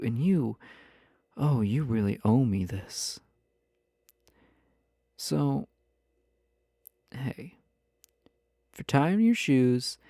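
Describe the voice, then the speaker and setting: A male actor, medium in pitch and mellow in tone, voices a possessive, flirtatious husband for an intimate roleplay piece. He toys with the listener through coy pick-up talk delivered with feigned innocence, captured in clean studio quality without any echo.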